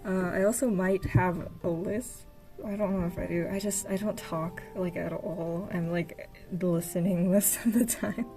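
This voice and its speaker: A young woman who makes art videos walks through her old sketchbooks in casual narration, accompanied by background game music. Her low voice keeps a steady tone at a slightly slow pace. She's quiet and tentative, leaning on fillers, and sounds more tired over time.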